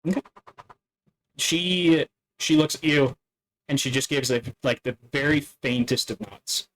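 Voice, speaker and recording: A man narrating a tabletop game as dungeon master, halting and full of fillers and restarts. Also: fairly high pitch, fairly bright tone, rough recording.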